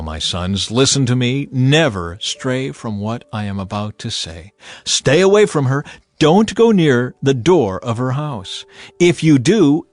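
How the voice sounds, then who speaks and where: A man with a mid-range voice narrates a dramatized scripture reading, theatrical and emphatic, as though urging a listener. Music plays underneath his voice, with no room sound.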